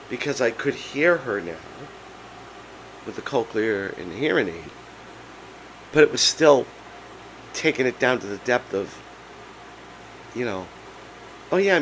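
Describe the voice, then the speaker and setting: A man around sixty talks in a low, gravelly voice that is hoarse and giving out. He speaks casually and haltingly, like a vlogger telling a personal story, repeating words as he goes. A clear background hum sits under him. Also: fairly bright tone, poor audio. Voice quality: hoarse, breaking voice. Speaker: vlog host.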